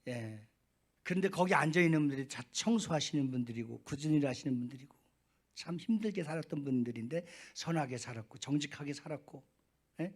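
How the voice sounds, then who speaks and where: A middle-aged man, a pastor, preaching a sermon in a church, swinging between quiet asides and loud, high, fervent peaks. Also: animated, brisk. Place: church sanctuary.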